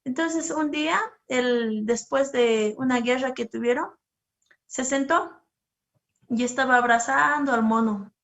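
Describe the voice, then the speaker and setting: A woman leading a children's service, asking the kids questions and telling them a story. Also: a little high. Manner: asks the children questions and acts out their voices; storytelling, gentle and animated. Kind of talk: children's sermon with slides.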